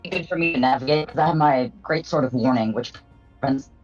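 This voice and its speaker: A man's voice: medium pitch, brisk, recorded from a distance, dull audio, faint music behind. A man playing in an online tabletop game whose call audio is choppy and cuts out mid-sentence, so he restarts what he was saying. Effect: choppy call audio cutting out mid-sentence. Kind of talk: casual chat during online tabletop game.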